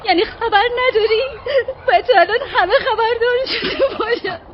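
Young maid, very high pitch, pleading, muffled recording with hiss. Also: female voice, a crowd in the background. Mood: tearful. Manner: pleading, tearful. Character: young maid pleading not to be sent away. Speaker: dub actor. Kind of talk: dubbed period drama. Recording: dull audio with steady hiss.

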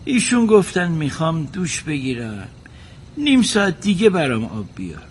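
A man's voice: fairly high pitch, big pitch swings, a little hiss or hum. A man playing a polite, defensive inn worker. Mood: explaining. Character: defensive male inn worker accused of theft.

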